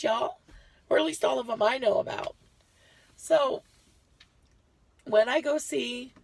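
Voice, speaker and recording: Woman, vlogger, very gravelly voice, close dry sound, chatty and rambling, a bit short of breath. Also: mid-range voice, darkish tone, no echo. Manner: chatty, rambling, self-correcting. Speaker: lifestyle vlogger. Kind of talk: casual health update to viewers.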